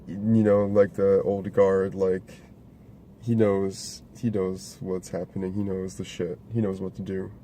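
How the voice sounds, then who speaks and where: Young male co-host, low mellow voice, loose rambling movie chat, faint hiss behind. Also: little pitch movement, measured pace. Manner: rambling, laughs often, swears casually. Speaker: podcast co-host reviewing a movie. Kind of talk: casual chat. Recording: faint background noise.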